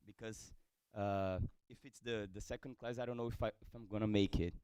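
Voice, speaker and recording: Low, mellow, halting man. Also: fairly even intonation, clean tone, dry recording. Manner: halting non-native phrasing. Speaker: student asking a question. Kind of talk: spontaneous audience question.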